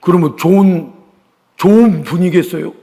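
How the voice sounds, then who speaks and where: A male pastor preaching a sermon in a church, firing questions at his congregation and pressing them to answer, swinging between loud emphasis and hushed asides. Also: sits high, normal speed, gravelly. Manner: call-and-response questioning of the congregation. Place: church sanctuary. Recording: long church reverb.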